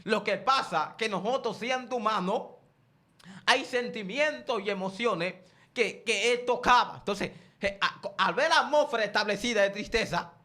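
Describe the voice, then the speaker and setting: At a moderate pace, a preacher with a high, bright, forceful male voice delivers a sermon. He answers his own questions to the listeners, and from time to time he has the congregation say the words back to him.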